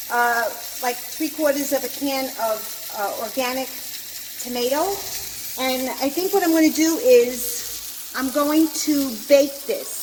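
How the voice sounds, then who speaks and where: A mature woman with a Brooklyn accent casually talking through a home-cooking demonstration as she works. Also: sits high. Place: echoey apartment kitchen, indoors. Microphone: handheld camera, no tripod. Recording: echoey room with clear frying sizzle noise. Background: sizzling pan and stirring.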